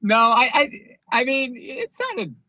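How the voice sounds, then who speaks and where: Higher-voiced guy, dry and laid-back. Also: sing-song, slow pace, background noise. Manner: dry, laid-back, steers the show along. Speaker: podcast co-host. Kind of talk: casual chat. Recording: dry, slightly dull lo-fi audio.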